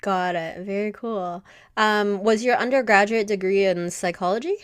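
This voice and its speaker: A woman's voice: medium pitch, moderate pace, clear, resonant tone, dry recording. Chatty lady podcast host, slightly under the weather, dry close mic, lots of ums. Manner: friendly, chatty, many fillers. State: a little sick. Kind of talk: casual interview chat.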